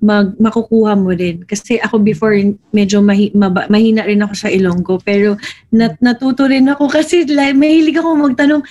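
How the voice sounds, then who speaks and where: A woman guest in a casual chat, soft-spoken and gentle, mixing Filipino and English. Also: medium pitch, fairly even intonation, brisk, lo-fi sound, a little hiss or hum.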